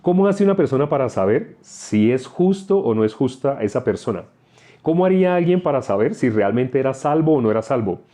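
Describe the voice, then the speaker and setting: Mellow-voiced Spanish-speaking preacher. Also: male voice, mid-range voice, expressive, fairly quick. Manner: repetitive, emphatic, asks rhetorical questions. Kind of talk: sermon.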